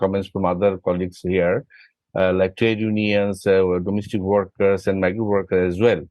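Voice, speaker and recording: A man from Bangladesh, a migrant rights advocate, speaking haltingly with many fillers in an online meeting. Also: lowish voice, no room sound, lo-fi sound.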